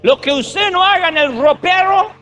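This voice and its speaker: A man's voice: very high-pitched, normal speed, pushed and bright, faint music behind, voice pushed up. A man voicing a stern, demanding older German pastor who exhorts emphatically. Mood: exhorting. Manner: emphatic, preachy.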